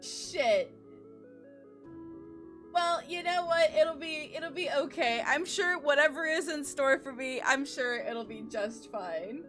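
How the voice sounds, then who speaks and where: A woman streaming a game, chatting excitedly with her audience, swearing, laughing and stumbling over repeated words, with faint game music behind. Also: high voice, slow pace. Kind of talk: casual live-stream chat.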